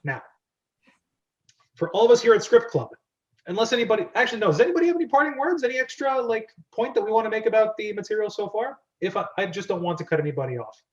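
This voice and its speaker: Hosting his script-reading club's casual video-call chat, this man speaks fast in a high-sitting voice full of lively intonation. His manner is rambling, chatty and enthusiastic, captured in dull, lo-fi call audio.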